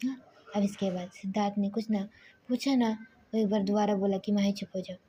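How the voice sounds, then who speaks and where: A woman storyteller recounts a tale in a relaxed, unscripted way, often correcting herself mid-sentence. Her voice is dark and mellow and drops into a hush at times. A faint hiss sits behind her. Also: mid-range voice, a little fast, low-quality recording. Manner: loose, self-correcting, partly whispered. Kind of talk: casual spoken story narration.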